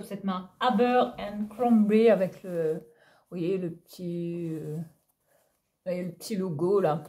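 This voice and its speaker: A woman's voice: mid-range voice, warm tone. A woman vlogging at home, chatting casually to her viewers about her outfit, talking to them as "les filles" with lots of fillers and laughs. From Réunion. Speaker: fashion vlogger. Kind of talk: casual haul video chat.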